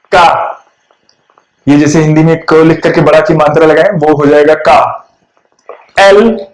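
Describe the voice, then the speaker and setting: Guy teaching french letters one by one in an echoey room, patient and slow, hindi-english mix. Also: on the high side, darkish tone. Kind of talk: language lesson explaining alphabet. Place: room with whiteboard.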